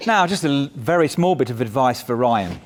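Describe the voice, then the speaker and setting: Man, middle-aged, father of the bride speech, sentimental, measured phrasing, mid-range voice. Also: mid-range voice, expressive, slight background noise. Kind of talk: prepared wedding speech. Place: wedding reception venue.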